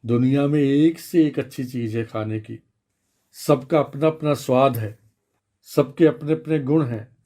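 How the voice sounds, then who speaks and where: A kind, patient schoolteacher, voiced by a man reading a children's radio story, explaining things gently to a child. The voice stays mellow and soft-edged. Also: mid-range voice, measured pace, lightly acted. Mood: gentle.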